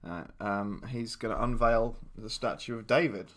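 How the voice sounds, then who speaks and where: A man's voice: fairly low pitch, moderate pace, a bit bright. A man hosting a comedy podcast in casual chat, joking and laughing often. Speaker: podcast host.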